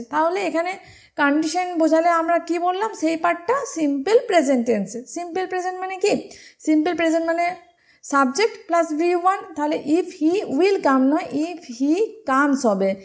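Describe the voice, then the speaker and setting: A woman's voice: high-pitched, gravelly. A woman from teaching an exam-prep grammar lesson, patient and step by step, asking her students questions as she goes.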